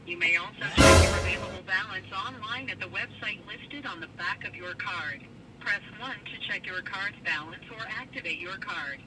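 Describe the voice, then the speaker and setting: A high-pitched male automated phone menu voice, its prompts spliced together from separate recordings and read in an even, scripted way. It plays from a phone speaker that sounds distant from the mic. Clear noise sits under it inside a car. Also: normal speed. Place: car, played over a phone.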